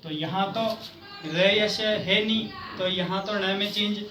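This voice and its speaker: A man teaching a Sanskrit grammar lesson in speech, explaining slowly and chanting word forms in a sing-song way. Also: high voice, steady tone. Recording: echoey room, mic far off, noisy.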